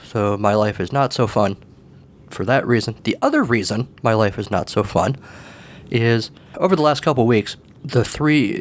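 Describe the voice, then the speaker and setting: A man with a cold, husky in voice, hosting a solo podcast from his table at home in a rambling, wry way. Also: fairly low pitch, a little hiss or hum. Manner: rambling, wry, self-deprecating. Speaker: podcast host. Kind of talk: casual solo podcast monologue.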